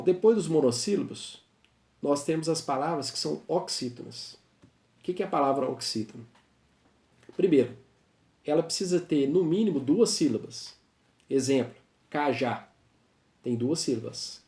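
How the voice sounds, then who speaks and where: A man's voice: on the high side, dark tone. Patient male teacher in an echoey room. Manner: patient, repeats examples slowly. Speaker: Portuguese teacher. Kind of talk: explanatory grammar lesson.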